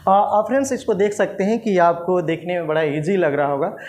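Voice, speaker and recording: A man teaching spoken English in a patient lesson style, repeating drills slowly and calling his viewers friends, standing at a writing board. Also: sits high, darkish tone. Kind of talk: classroom-style language lesson.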